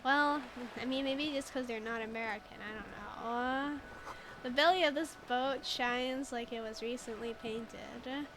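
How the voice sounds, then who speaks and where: A woman's voice: a little high, a little slow, background noise. A woman streaming a detective game, chatting playfully and laughing often. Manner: playful, giggly, reads game text aloud. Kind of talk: casual let's play commentary.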